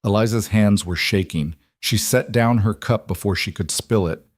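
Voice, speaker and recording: A man with a low voice reads a frontier romance in measured, steady scripted narration. The sound is dry and close, with no room echo at all. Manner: measured, even storytelling.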